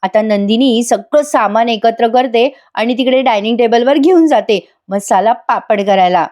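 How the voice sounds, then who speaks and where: A woman's voice: fairly high pitch, moderate pace, a little mellow. A woman narrating a voice-over recap of a TV serial, chatty and speaking straight to viewers. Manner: chatty, addresses viewers directly.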